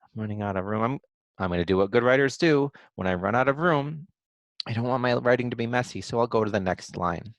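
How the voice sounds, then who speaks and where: A man teaching kindergartners to write, thinking aloud slowly and sounding out letters and syllables one at a time. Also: medium pitch, no echo, highs cut off. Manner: thinks aloud in a gentle encouraging way. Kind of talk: modeling writing for young children.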